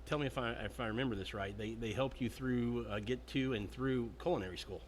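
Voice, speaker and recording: A male podcast host with a medium-pitched voice, recording on location in a restaurant. He talks in a chatty, rambling way, full of enthusiasm, as he leads the interview. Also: brisk, a little hiss or hum.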